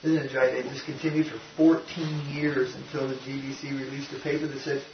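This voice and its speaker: A man's voice: medium pitch, flat delivery, brisk. An older man, a spiritual teacher, giving an informal devotional talk in a rambling, emphatic way with frequent restarts. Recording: roomy, distant, dull lo-fi sound with faint noise.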